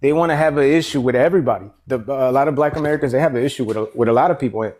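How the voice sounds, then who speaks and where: A man hosting a live online panel discussion, talking quickly and emphatically and repeating phrases for stress. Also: mid-range voice, darkish tone. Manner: rapid, emphatic, repeats himself.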